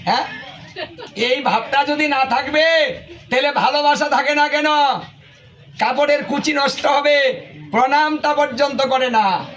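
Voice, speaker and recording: A man preaches a devotional sermon in an unusually high, light voice. He drives his points home with emphatic rhetorical questions, and soft music plays faintly underneath. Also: measured pace, pauses often.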